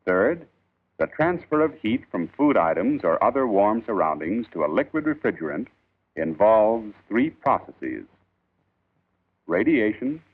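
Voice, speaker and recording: A man reading a scripted 1940s instructional film in a formal, measured, emphatic old newsreel narrator style. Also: on the low side, big pitch swings. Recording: tinny band-limited 1940s film soundtrack.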